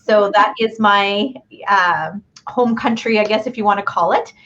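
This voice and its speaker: A woman in her fifties, born in Chile, chatting as a guest on a video call in a friendly, thoughtful way with pauses. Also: mid-range voice, sharp tone, slight background noise. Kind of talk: casual video call chat. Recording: dull lo-fi call audio.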